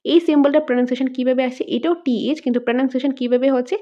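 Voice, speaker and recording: A woman's voice: high voice, fairly even intonation, very fast, dark tone, lo-fi sound. A woman teacher, giving an exam-prep lesson and repeating terms and example words aloud as a drill.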